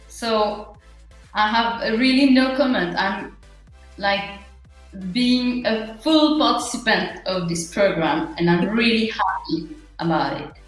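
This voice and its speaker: A woman with a Mauritian accent talks slowly and haltingly, as a guest in an interview. She sounds earnest and conversational. The room rings with heavy echo, and faint music sits behind her voice. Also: mid-range voice. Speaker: interview guest, small business owner.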